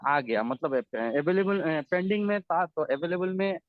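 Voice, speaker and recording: A man calling in to a live online Q&A, his voice breaking up and cutting out on the call as he haltingly restarts his words. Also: fairly high pitch, expressive, dry recording, narrow, tinny audio. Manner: halting, restarts mid-word. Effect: choppy cutting-out call audio, breaking up. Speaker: caller asking the host a question.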